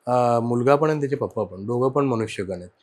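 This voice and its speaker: A man recounts a personal haunting as a podcast guest, in a casual and conversational way. His delivery is animated, with his voice swelling loud and then dropping soft as the story turns. He sits at a medium pitch, neither high nor low for a man. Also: fast, husky. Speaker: guest sharing personal ghost experiences.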